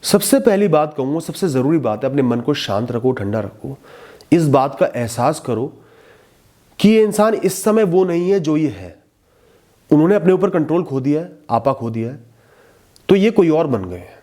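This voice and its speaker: A man giving calm, measured advice in a talk, often dropping to a soft, hushed tone. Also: a little high. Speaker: motivational speaker.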